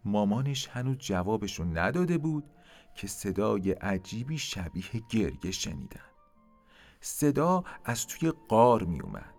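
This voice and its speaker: A man narrating a children's story, speaking to young listeners in an expressive way. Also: lowish voice, soft background music.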